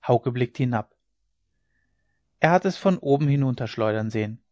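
A man's voice: medium pitch, animated, mellow, no echo. Male narrator reading a classic novel. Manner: measured, dramatic storytelling. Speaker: audiobook narrator. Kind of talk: literary audiobook narration. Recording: slightly dull lo-fi recording.

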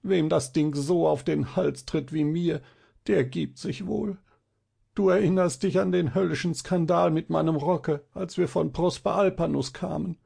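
A man's voice: a little high, steady tone, a little slow, vocal fry, mellow, breathy edge, exaggerated voice. A male reader voicing a despairing young man who speaks in a broken, whining voice in an audiobook. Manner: whiny, broken voice.

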